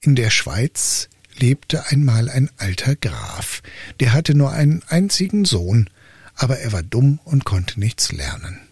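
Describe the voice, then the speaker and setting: A man reading a fairy tale as a calm, soothing bedtime story. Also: mid-range voice, slightly rough, no echo, clean studio sound. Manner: slow, soothing, gently hushed. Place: online audio room.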